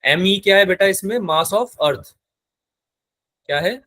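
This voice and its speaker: A male physics teacher lectures, switching between Hindi and terms. His voice sits a little high, and the sound is dry and close. He keeps stopping to quiz his class. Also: expressive, slow pace, bright, forceful tone, no room sound. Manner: asks the class frequent check questions; mixes English terms into Hindi.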